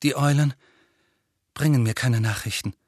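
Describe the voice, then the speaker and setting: A man voicing a cool, defiant teenage boy wizard in an audiobook, curt and steady. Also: fairly high pitch, moderate pace, breathy edge, no echo, clean studio sound, pitched above the performer's own voice, exaggerated voice. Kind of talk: audiobook character voice.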